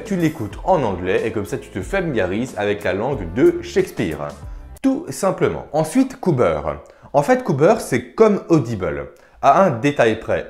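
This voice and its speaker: A man talks straight to the viewer in a chatty, informal advice vlog. His pitch sits in the middle but swings up and down a lot as he explains. Quiet music plays faintly behind him. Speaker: career coach vlogger.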